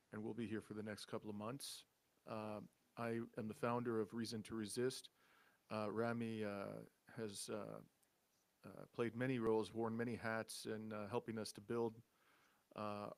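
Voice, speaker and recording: A man hosting a live online talk show, speaking measured and firm with frequent uhs. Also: lowish voice. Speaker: host, founder of the show.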